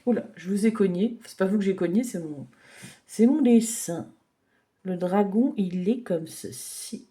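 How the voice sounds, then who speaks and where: A woman giving a gentle, chatty drawing lesson for children, thinking aloud as she tells a story. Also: mid-range voice, measured pace.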